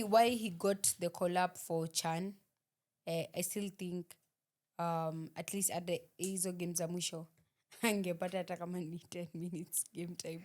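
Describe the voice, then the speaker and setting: Kenyan accent woman, lowish voice, casual football podcast chat, mixes swahili and english. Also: a little mellow.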